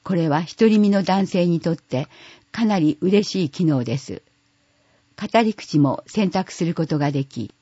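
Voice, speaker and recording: A steady, measured voice reads an audio newsletter aloud, dark and a little husky. The recording is dull and lo-fi, with no room sound around it. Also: mid-range voice, no room sound. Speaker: reader of a newsletter for the blind.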